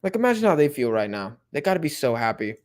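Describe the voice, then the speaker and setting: Young male streamer, relaxed chatty host who perks up at big plays. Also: fairly high pitch, fast talker. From Mexico-supporting fan. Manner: laid-back, chatty, bursts of excitement at plays. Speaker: watch-along host. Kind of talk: casual live commentary and chat reading.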